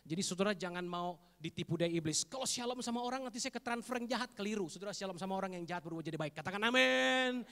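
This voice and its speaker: A man's voice: sits high, rapid-fire, few pauses. A man preaching a sermon, calling on the congregation to say amen and mixing casual slangy asides with scripture. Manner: fervent call-and-response preaching, repeatedly prompting the congregation to say amen. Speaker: pastor. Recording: long hall reverb.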